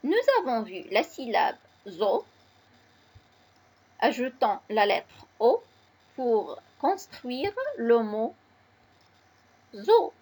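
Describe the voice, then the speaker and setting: A woman teacher slowly spelling out letters and syllables in a reading lesson for children. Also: on the high side, expressive, darkish tone, breathy edge.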